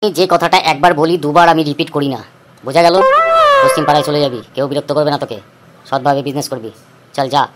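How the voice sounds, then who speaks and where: A gruff male village boss who settles everyone's disputes, as a woman puts him on in a cartoon. He gives short, commanding orders in a voice pushed down well below her own. His delivery is hurried. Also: sits low, steady tone, very noisy, pitched below the performer's own voice, close to an everyday voice. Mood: stern. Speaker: voice actor. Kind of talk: cartoon voice acting.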